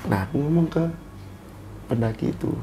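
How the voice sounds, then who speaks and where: Dark-voiced man telling a story. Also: medium pitch, animated, moderate pace, slight background noise. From Indonesia. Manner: conversational, tells the story in bursts with short phrases. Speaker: guest storyteller. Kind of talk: casual storytelling chat.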